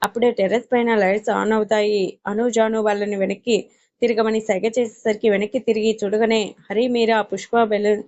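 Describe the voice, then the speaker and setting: Woman storyteller, dark-toned and flat, dialogue in her own voice. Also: mid-range voice, fast, dull audio. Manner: reads all characters in her own voice with little change. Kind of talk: scripted narration of a romance story.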